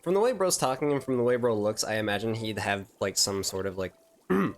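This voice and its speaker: A man's voice: fairly low pitch, a little fast. Guy streaming a game, hyped reactions, cussing, faint music behind. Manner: excitable, swears, says bro a lot. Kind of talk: casual gaming commentary.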